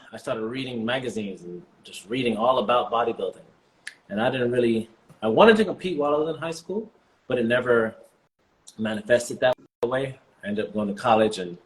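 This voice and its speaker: A vegan bodybuilder in his forties, born in the US and partly raised in Jamaica, answers a guest interview in a relaxed, reflective manner full of fillers. His mid-range voice moves briskly, and the audio is poor.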